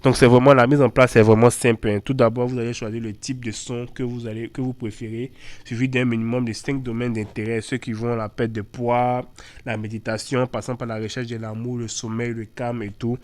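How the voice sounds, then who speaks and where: A man hosts a screen-recorded walkthrough of phone apps, talking in a loose, chatty way with plenty of fillers and repeated words. His voice is smooth and clean at a middle pitch. He sits close to a dry microphone with no room sound. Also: little pitch movement, a little fast, no echo. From Ivory Coast. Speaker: tech channel host.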